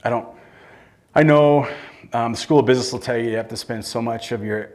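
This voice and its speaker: A man's voice: medium pitch, fairly quick, a little mellow. A middle-aged man, a builder who owns his company, answering interview questions on stage in a blunt, plain-spoken way. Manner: blunt, plain-spoken, restarts mid-sentence. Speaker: construction company owner, guest. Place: event room with audience.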